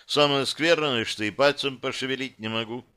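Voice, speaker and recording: A male audiobook narrator reading a fantasy story in the first person. His delivery is tense and terse, short clipped sentences in a bright, forward voice. The tone is smooth and clear throughout. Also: medium pitch, normal speed. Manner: tense, terse inner monologue.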